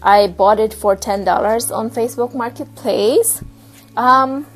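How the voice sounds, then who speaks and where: A woman vlogging casually at home, showing her houseplants and pausing to hunt for words. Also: a little high, poor audio. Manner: chatty, pauses to hunt for words. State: slightly out of breath. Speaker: plant vlogger. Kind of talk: casual show-and-tell vlog. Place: home with plant shelf, indoors.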